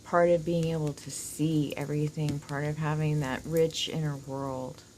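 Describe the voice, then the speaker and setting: A woman's voice: deep voice, flat delivery, normal speed, darkish tone, slight background noise, low-quality recording. A woman with a whistling s, giving a casual, rambling oracle card reading to viewers, informal and happy to swear. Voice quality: whistling s from dental work. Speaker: oracle card reader, host.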